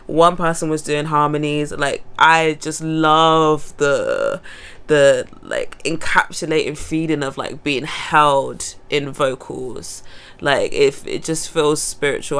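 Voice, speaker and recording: Sniffling through a cold, a young London woman who writes and sings her own songs rambles chattily to camera about her latest track, often laughing at herself. Her voice sits low, with a fairly bright, smooth tone.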